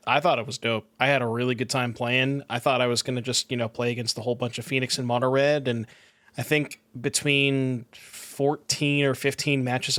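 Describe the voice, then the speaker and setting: A man from Connecticut co-hosting a podcast, chatting casually and working through ideas with quick restarts. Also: medium pitch, fairly bright tone, no echo, clean studio sound. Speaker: podcast co-host. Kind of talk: casual chat.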